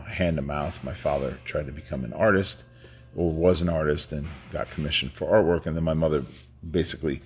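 A man in his fifties from New York, United States, rambles through his life story as a casual guest, laughing often and using many fillers and restarts. He has a bass voice, and the recording carries a little hiss or hum.

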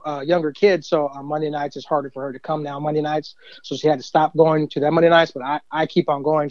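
A man's voice: fairly high pitch, dry recording, dull audio. A middle-aged man, a church usher and youth minister, telling his story in a rambling casual way full of fillers. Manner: rambling, many fillers and "you know what I mean". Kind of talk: casual testimony interview.

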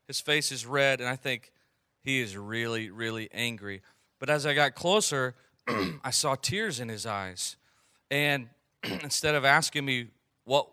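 A man preaching a sermon, telling a personal story in an earnest way, often clearing his throat and slowing down on key phrases. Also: mid-range voice, pushed and bright, no echo, studio quality. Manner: frequent throat clearing and fillers. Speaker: pastor.

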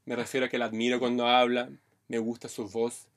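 A man's voice: medium pitch, brisk. A man with a Chilean accent, a podcast co-host telling a crude, rambling comic story. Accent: Chilean Spanish. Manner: vulgar, rambling, animated storytelling.

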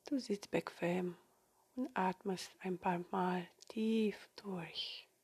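A woman guiding a meditation in a soft, breathy spa-like half-whisper, giving gentle, soothing instructions with long pauses. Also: lowish voice, fairly even intonation. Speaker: meditation guide.

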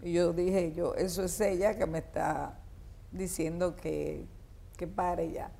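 A woman's voice: on the low side, fairly even intonation, slow, creaky, mellow. An older woman from the Dominican Republic with a Dominican accent, a singer reminiscing in an interview with many fillers and restarts. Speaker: guest singer.

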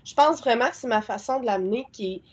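A woman's voice: on the high side, expressive, quick pace, a little mellow, husky. A woman with a Québécois French accent, a guest talking casually and enthusiastically about her spiritual content, often rambling. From Quebec. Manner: chatty, rambling, enthusiastic, colloquial. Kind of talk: casual interview chat.

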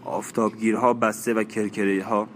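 A man narrating an audiobook in a measured, even reading. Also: fairly low pitch, slight background noise.

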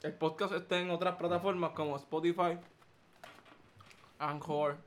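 Rambling podcast host. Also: male voice, on the high side, fairly even intonation, measured pace. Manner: rambling, restarts questions, laughs loudly. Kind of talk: casual podcast chat.

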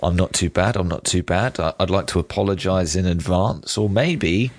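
A British man with a croaky, hoarse wintry voice, chatting casually as a podcast host. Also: low-pitched, moderate pace.

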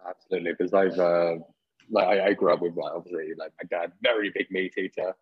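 A man with a very deep, husky voice hosts a podcast. He talks in a relaxed, chatty way and often restarts his sentences. The sound is slightly dull and muffled. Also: brisk. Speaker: podcast host. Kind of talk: casual conversational interview.

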